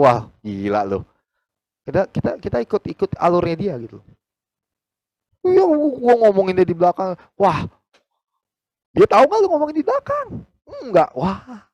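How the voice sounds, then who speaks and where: A man, leading a team training over a video call, animated and acting out quoted conversations. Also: dry recording, poor audio. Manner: animated, acts out quoted dialogue with big pitch jumps.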